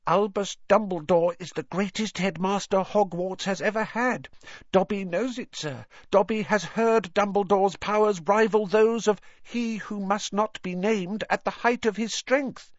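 A man voicing an anxious, servile male house-elf in an audiobook reading, with a high, pleading manner. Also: unhurried, dry recording. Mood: earnest. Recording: dull dry studio sound.

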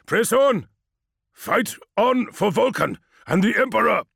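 A man voicing a grim male armored warrior commander, brooding low in council and bellowing orders in battle. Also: measured pace, slightly rough, no echo, studio quality, exaggerated voice. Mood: battle shouting.

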